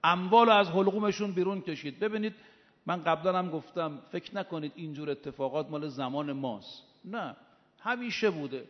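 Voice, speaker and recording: A man delivering an impassioned religious sermon, rising to emphatic peaks. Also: fairly high pitch. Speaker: preacher. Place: hall of a religious gathering. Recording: dull sound in a reverberant hall.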